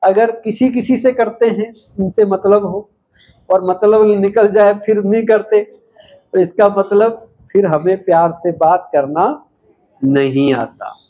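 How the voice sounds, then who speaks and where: A man's voice: high voice, fairly even intonation, mellow. A man giving a spiritual talk to an audience, asking questions and answering them himself with emphasis. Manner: unhurried, emphatic delivery. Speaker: spiritual speaker. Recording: slightly dull, lo-fi sound.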